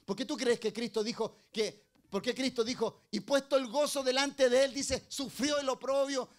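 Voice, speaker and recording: A middle-aged male pastor with a very high voice, preaching a sermon. He fires rhetorical questions at the congregation and swings between loud, stressed phrases and low, quiet asides.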